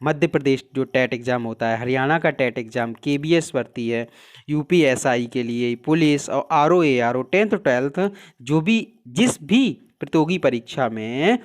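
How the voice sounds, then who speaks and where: A man teaching a Hindi grammar class for exam prep. He asks questions and answers them himself, and his voice drops low and soft at the ends of answers. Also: moderate pace.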